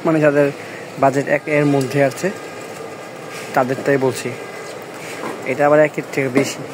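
A young man walking through a large covered cattle shed at night, filming on a handheld phone and excitedly narrating a tour. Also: medium pitch, moderate pace, background noise. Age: young adult. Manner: excited, chatty, gushing over the animals. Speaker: vlogger touring a cattle farm. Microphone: handheld phone camera.

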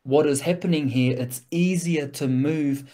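A man with a broad New Zealand (Kiwi) accent, his voice warm and on the high side, gives a reflective motivational talk at a measured pace. He keeps it casual, earnest and informal, using slang and often checking in with a rhetorical "right?".

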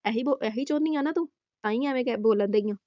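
A woman's voice: on the high side, fast talker, no room sound, highs cut off. A woman hosting a roast video, scolding and taunting with pointed rhetorical questions. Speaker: YouTube roast host.

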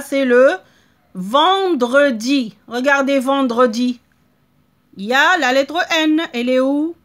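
A woman teaching a reading lesson to young children, stretching out words slowly and checking in often. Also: high voice, sharp tone. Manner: slow, drawn-out word modeling with frequent checks.

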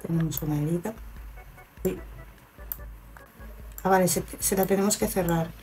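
Playful woman with a lowish voice. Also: moderate pace, a little mellow, faint music behind, low-quality recording. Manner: playful, chatty, talks to the patients with mock-professional pride. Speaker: gaming video host. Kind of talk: casual gameplay commentary.

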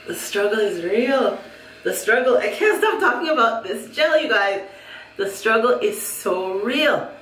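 Speaking slowly with long pauses, a middle-aged Jamaican woman reviews a wig for her hair vlog, animated, chatty, laughing often and saying things twice. Her voice is a little high and fairly bright. The small home room echoes, and she sits slightly off a distant mic that picks up a faint hiss or hum.

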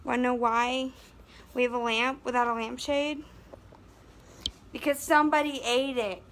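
A woman's voice: a little high, steady tone, unhurried, fairly bright tone, slight background noise. An American woman vlogging casually at home with a handheld phone, talking about her dog and scolding it now and then. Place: inside a house. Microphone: handheld phone camera.

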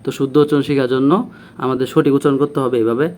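A man's voice: medium pitch, steady tone, darkish tone, a little hiss or hum. Patient man teaching letter sounds. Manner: patient, repeats phrases and models sounds slowly. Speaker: Arabic teacher. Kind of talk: classroom lesson.

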